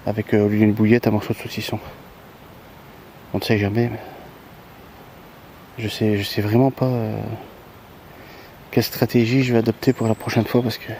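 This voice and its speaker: A man's voice: on the low side, dark tone, a little hiss or hum, low-quality recording. A man talking casually outdoors by the water after a fishing trip, rambling with many hesitations and a resigned tone. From Belgium. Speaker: fishing vlogger.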